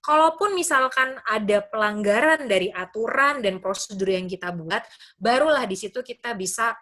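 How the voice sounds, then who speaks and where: A woman's voice: fairly high pitch, lively intonation, moderate pace, sharp tone. A woman university lecturer giving a webinar talk to teachers, explaining step by step, speaking over a video call. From Indonesia. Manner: explanatory, addresses audience as Bapak Ibu, acts out students' questions.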